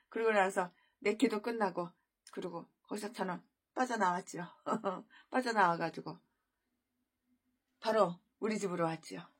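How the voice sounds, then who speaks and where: A woman pastor preaching an expository sermon, often repeating and restarting words, swinging between loud emphatic peaks and quiet asides. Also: mid-range voice, fairly even intonation, measured pace, long pauses, breathy edge.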